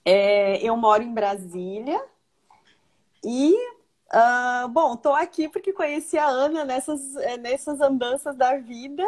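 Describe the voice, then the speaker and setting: A woman's voice: high-pitched, measured pace, a little mellow. A woman from southern Brazil with a gaúcho accent, a guest in a casual live-stream chat over a video call, laughing often and poking fun at herself. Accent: Gaúcho Brazilian Portuguese. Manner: laughs often, self-deprecating.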